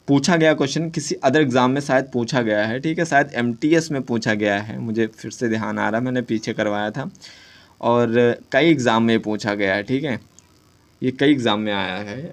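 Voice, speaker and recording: A man teaching exam idioms in casual Hindi mixed with English, often saying "ठीक है", reading English sentences out slowly and correcting himself as he goes. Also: mid-range voice. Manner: self-correcting, jokes with students.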